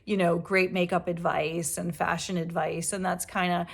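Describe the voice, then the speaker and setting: A woman's voice: lowish voice, level tone, normal speed, creaky, slightly rough. Woman, middle-aged, book vlogger, casual chat, tired, fillers and self-corrections. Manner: chatty, warm, many fillers and restarts. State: tired after a workday. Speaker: book vlogger and reading teacher.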